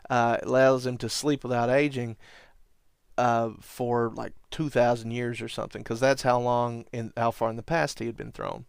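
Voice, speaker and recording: A man hosting a podcast, casually recapping a classic movie in a rambling way, chuckling and sometimes breaking into animated impressions. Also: medium pitch, clear, resonant tone, no room sound, clean studio sound. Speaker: podcast host.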